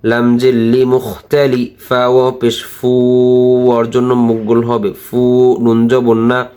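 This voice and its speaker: A man teaching Quran reading, spelling out each syllable slowly and patiently in a recitation lesson. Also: medium pitch, monotone, mellow, smooth. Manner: slow, drawn-out syllable-by-syllable teaching.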